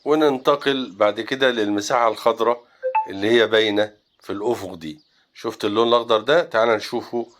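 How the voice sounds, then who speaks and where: A man with a fairly low voice and an Egyptian Arabic accent walks viewers through painting a landscape. He speaks calmly and breaks off with short fillers while he mixes colors. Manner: thinks aloud while mixing paint, with pauses and fillers. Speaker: painting teacher. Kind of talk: relaxed step-by-step painting tutorial.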